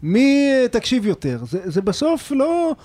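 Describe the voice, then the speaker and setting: A man's voice: very high-pitched, very animated, dark tone, dry recording. A man co-hosting a radio talk show, explaining his points with rhetorical questions. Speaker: radio show co-host and lawyer.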